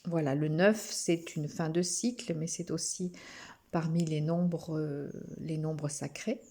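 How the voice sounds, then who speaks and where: A French woman gently reading oracle cards to her viewers, with many pauses and small restarts. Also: low-pitched, fairly even intonation. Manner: slow, gentle, with frequent hesitations and restarts. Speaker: spiritual card reader. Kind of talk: oracle card reading to camera.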